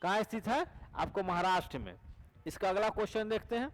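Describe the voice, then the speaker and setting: A man's voice: high-pitched, expressive, brisk, rough recording. A male teacher with a Bihari Hindi accent, giving an exam prep lecture and repeating each question and answer back to his students. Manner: coaxing, asks rhetorical questions to check recall.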